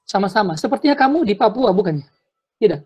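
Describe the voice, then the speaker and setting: A man's voice: sits high, animated, fast talker, a little mellow, breathy edge. A man giving earnest sermon-style answers on a video call, repeating words and slipping in English phrases. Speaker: speaker answering questions. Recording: dull lo-fi video call audio.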